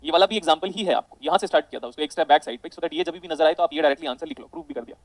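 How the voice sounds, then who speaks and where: A man teaching an online physics lecture, rapid and animated, calling his students beta. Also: a little high, dry recording, poor audio.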